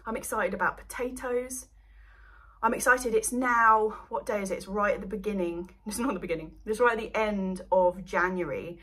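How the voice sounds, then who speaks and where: A young Englishwoman vlogs casually to camera about her allotment, sitting indoors at home beside a seedling light box. She rambles and laughs often. Her voice is mid-range, husky and fairly bright, at a normal speed.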